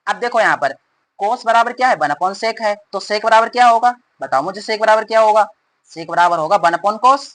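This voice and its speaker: A male math teacher explaining formulas in a rapid, repetitive way and calling his students "beta". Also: high voice, animated, a bit bright, poor audio. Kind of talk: fast classroom explanation.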